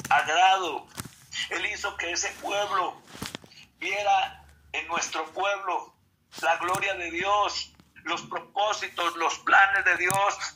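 A man preaching with a very bright, sharp voice that sits a little high. He calls out to his listeners and acts out the lines he quotes, and it comes through with a radio-like sound. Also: low-quality recording. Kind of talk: sermon.

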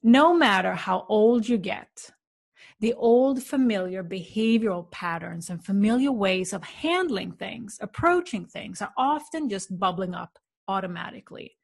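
A woman from Sweden, hosting a self-help podcast in a calm, earnest, coaching way. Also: mid-range voice, unhurried, vocal fry, husky. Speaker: podcast host.

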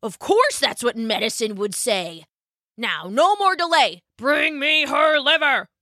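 A woman's voice: high voice, very animated, a little slow, sharp tone, dry recording, clean studio sound, pitched above the performer's own voice, full character voice. A woman voicing a grand, greedy male Dragon King of the sea in a storybook, with a commanding, impatient manner.

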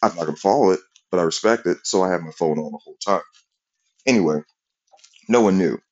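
A man with a very deep voice rambles through a profane story about his job. The sound is muffled and lo-fi, as if from a cheap mic. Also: fast, a little mellow. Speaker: vlogger telling a work story. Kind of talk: casual storytelling rant.

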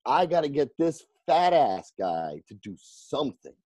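A man who coaches firefighters on fitness, telling stories in an interview, lively and laughing often as he acts out the people he quotes. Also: fairly high pitch, measured pace, husky, dry recording. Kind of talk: storytelling in a conversational interview.

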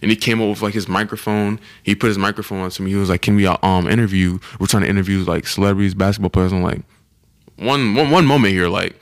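Young man, podcast host, lowish voice, animated storyteller, casual chat. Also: very fast, hardly any pauses. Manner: animated storytelling, acts out voices of people he met.

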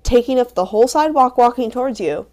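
Lively young woman telling a story. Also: on the high side, quick pace. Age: young adult. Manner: animated storytelling, many "like" fillers. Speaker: podcast co-host. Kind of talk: casual chat.

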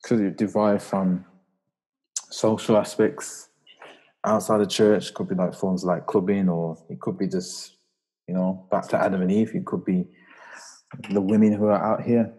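Man in his twenties, British roadman accent, lowish husky voice, laid-back slangy delivery, casual podcast chat. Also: fairly even intonation, unhurried, warm tone, rough recording. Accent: British urban roadman slang accent. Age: 20s. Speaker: podcast panellist.

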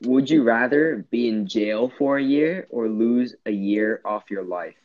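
A laid-back teenage boy chatting on a video call, talking quietly and trailing off. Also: mid-range voice, a little slow, no echo. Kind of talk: casual chat. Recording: dull lo-fi call audio.

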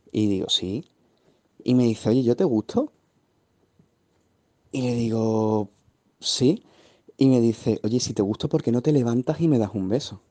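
A man's voice: medium pitch, dark tone. A man from Seville, telling a personal story in a vivid, meandering way with asides. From Seville, Spain. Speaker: guest.

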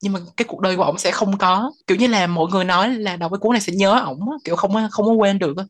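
A woman's voice: medium pitch, racing. A woman co-hosting a casual book podcast, talking bluntly with slang and trailing off her sentences. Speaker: podcast co-host.

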